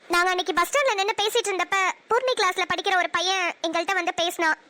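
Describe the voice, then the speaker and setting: A woman's voice: very high voice, racing, bright, forceful tone. A woman with a Namakkal Tamil accent narrating a cartoon story in the first person, chatty and blunt. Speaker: narrator and voice actor.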